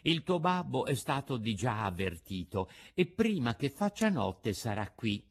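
Gentle fairy woman, read by a man, soft and calm, storybook reading, lilting delivery. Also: mid-range voice, unhurried. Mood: tender.

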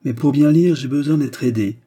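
A man's voice: mid-range voice, mellow, breathy edge, pitched above the performer's own voice, natural voice. A man voicing an icy, ironic count. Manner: icy irony, measured authority. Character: cold, ironic, all-knowing count. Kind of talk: audiobook reading.

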